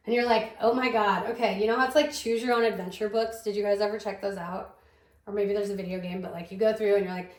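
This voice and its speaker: A woman's voice: mid-range voice, roomy sound. A woman giving a casual tarot reading, rambling and thinking aloud with lots of fillers. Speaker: tarot reader.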